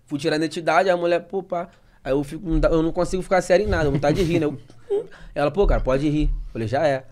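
A young man tells a story on a podcast in loose, slangy talk. He rambles and laughs often, in a voice a little higher than most men's. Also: racing, a little mellow. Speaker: podcast guest. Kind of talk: casual storytelling.

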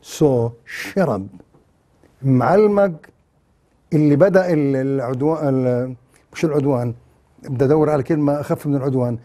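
An older man giving satirical political commentary on television, mocking and animated. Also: mid-range voice, moderate pace, long pauses. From Jordan. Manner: mocking, animated, mimics others in sing-song asides. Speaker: TV commentator, former university lecturer.

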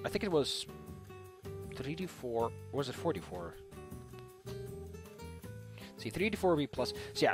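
A male host chats casually through a tabletop character build, thinking out loud in a playful way. His voice sits a little high and has a bright, forceful edge. Faint music plays behind him. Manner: playful, thinking aloud, mild swearing. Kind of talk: casual rambling commentary while building a game character.

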